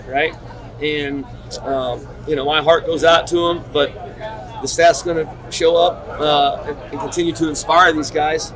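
Halting middle-aged male coach, crowd behind. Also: a little high, rough recording. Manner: halting, repeats words and restarts sentences. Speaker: head football coach. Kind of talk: postgame press conference. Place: concrete-walled stadium corridor. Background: crowd noise.

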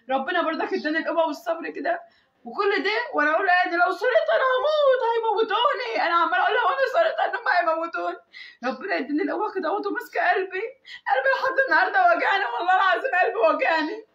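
Distressed, crying young Egyptian woman, high voice. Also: pushed and bright. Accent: Egyptian Arabic. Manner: distressed, pleading, swearing oaths. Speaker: woman recounting an assault. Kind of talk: tearful testimony. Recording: echoey, muffled sound.

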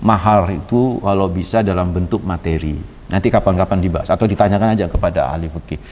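Low-pitched, fast, and darkish in tone, a man preaches as a religious teacher, bringing a story alive by acting out its dialogue and throwing in chatty asides, all in a reverberant hall.

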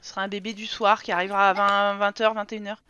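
A woman's voice: medium pitch, little pitch movement, fast, pushed and bright, smooth, no echo. A young woman with a French accent, live-streaming a life-sim game and chatting casually with her viewers, teasing the game characters as she plays.

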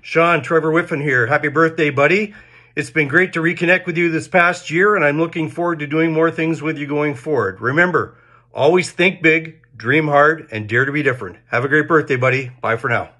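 A man's voice: a little high, brisk, bright, forceful tone. A man giving an encouraging, motivational birthday greeting. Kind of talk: casual recorded birthday greeting.

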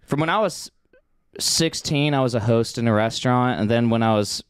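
A man chats as a podcast co-host. His voice is smooth and clean, recorded dry. He tells stories casually, with plenty of slang and swearing. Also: mid-range voice, normal speed, no room sound. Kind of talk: casual profane podcast banter.

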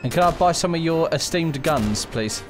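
A man voicing an excitable, pleading Mexican migrant with a Mexican accent in an improvised game role-play. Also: a little high, moderate pace, loud music behind the voice, close to an everyday voice. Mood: pleading, polite. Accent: Mexican, put on. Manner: exclamatory, pleading, repetitive.

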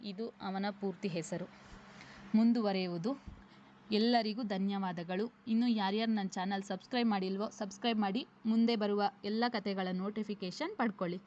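A woman narrates a serialized romance story in a measured, expressive way. Her voice sits at a middling pitch. The recording sounds slightly dull and lo-fi. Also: a little hiss or hum.

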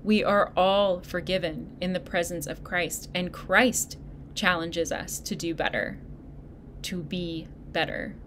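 A woman pastor giving a sermon, speaking in a gentle, encouraging way straight to her listeners. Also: lowish voice, steady tone, takes it slowly, a little hiss or hum. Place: church video recording.

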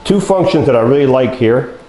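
With a medium-pitched, mellow voice that's turning hoarse and breaking into coughs, an older man demonstrates a power wheelchair as a mobility dealer. He is expressive and a little fast, folksy, explaining step by step to "folks." The large, bare indoor showroom studio is echoey.

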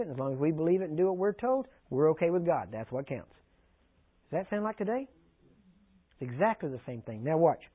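Preacher guy teaching, chatty, keeps asking you get it?, high voice, tinny phone-line sound. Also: breathy edge. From Texas. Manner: conversational, asks the audience frequent check-in questions. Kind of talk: sermon teaching. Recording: tinny phone-like archive recording.

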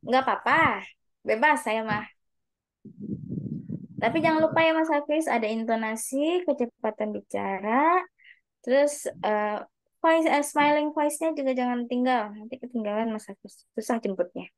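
A woman's voice: fairly high pitch, normal speed, no echo. Upbeat woman coaching public speaking. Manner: relaxed, chatty, demonstrates intonation examples. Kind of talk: casual online training session.

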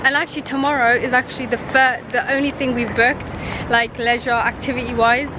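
Woman vlogger rambling on, kinda high voice, noisy street behind. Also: level tone, a little fast. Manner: chatty, rambling with fillers. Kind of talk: casual vlog chat.

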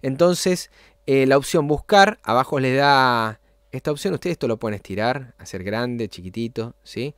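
A man's voice: mid-range voice, animated, clean tone, dry recording. A man talks through a program on screen in an easygoing tutorial. He keeps checking that the listener is following along. His voice sits in an ordinary middle range, recorded dry and close. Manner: explanatory, often checks in with a quick "¿sí?". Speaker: channel host giving a software tutorial.

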